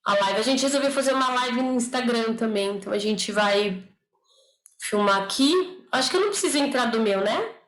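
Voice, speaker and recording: The speaker is a speech therapist running a relaxed online study group, greeting everyone in a chatty way with frequent "né?" questions. Her voice is on the high side, a bit bright, fairly quick and lively in intonation. The audio comes from a computer or phone on a video call, with roomy echo and faint noise.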